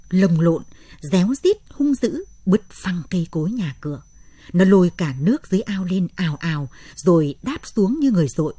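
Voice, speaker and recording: Woman storyteller, late-night radio story, mellow dark voice, dry close sound. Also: lowish voice, husky, dry recording. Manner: measured, steady storytelling.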